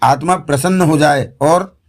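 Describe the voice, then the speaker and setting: A man's voice: a little high, measured pace. A man voicing a greedy, wheedling fellow who coaxes and sulks, in an audiobook. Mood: coaxing. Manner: coaxing, sulky.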